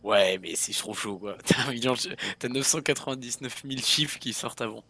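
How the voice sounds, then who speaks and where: A man's voice: mid-range voice, normal speed, pushed and bright, husky. A man playing in a tabletop game, chatting playfully and speaking as his character. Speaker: player. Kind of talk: casual chat and in-character play in a tabletop game.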